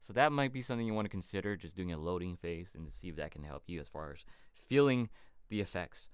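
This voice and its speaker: A man from California hosting a casual fitness livestream Q&A, answering viewer questions in a relaxed, rambling way. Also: low voice, fast, clean tone, no echo, clean studio sound. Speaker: fitness channel host.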